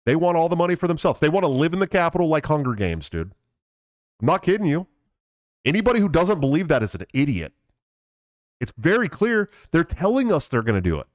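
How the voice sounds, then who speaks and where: A man's voice: fairly high pitch, big pitch swings, a little fast, no room sound, studio quality. A man hosting a podcast in an unscripted, paranoid late-night political rant, alarmed, blunt and insistent. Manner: profane, blunt. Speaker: podcast host.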